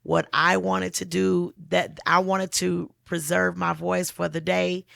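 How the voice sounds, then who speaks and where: A woman guest talking about her singing in an unhurried, drawn-out way. Her voice is gravelly and bright, with a big, strong tone. The sound is dry and close. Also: lowish voice, no echo. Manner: animated, laughs often, strong big voice. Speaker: guest singer, talent show winner. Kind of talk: casual interview chat.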